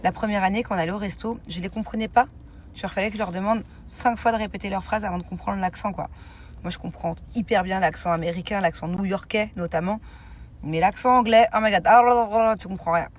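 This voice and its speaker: A woman's voice: medium pitch, steady tone, fast, slight background noise. A woman in her thirties vlogging casually to camera, rambling along with fillers and side comments. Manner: rambling and chatty, lots of fillers and asides.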